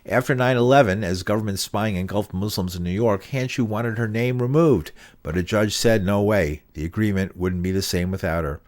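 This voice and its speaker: A man's voice: fairly low pitch, moderate pace, hardly any pauses. A man reading a news introduction, then asking an interview guest questions with short affirmations. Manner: steady reporter's read, brief affirmations. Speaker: interviewer and narrator.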